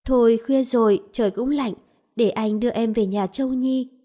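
A woman's voice: on the high side, fairly even intonation, normal speed, dark tone, close to an everyday voice. A woman reading a doting young man. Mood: gentle. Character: tender doting young man, the male lead.

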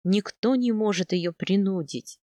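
A woman's voice: medium pitch, a little slow, warm tone, no echo, lightly acted. A woman voicing a playful young husband from the steppe in an audiobook, bantering in an easygoing way. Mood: teasing. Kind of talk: audiobook character voice.

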